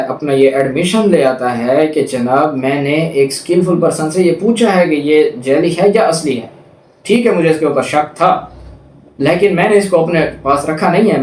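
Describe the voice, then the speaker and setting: A man with a Pakistani accent and a fairly high, slightly mellow voice delivers an explanatory law lecture, reading out legal text and giving examples. He teaches didactically, repeating and rephrasing points and moving between Urdu and English legal terms, in a room with an echoey sound.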